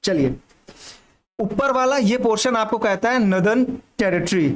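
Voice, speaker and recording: High-voiced man teaching exam prep. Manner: repetitive, checks in with "thik hai" constantly; drawls key terms slowly. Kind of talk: general studies lesson over a map.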